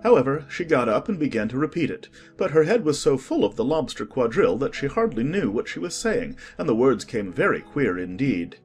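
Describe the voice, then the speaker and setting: A man narrating a dramatized storybook with measured, expressive delivery. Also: mid-range voice, soft background music.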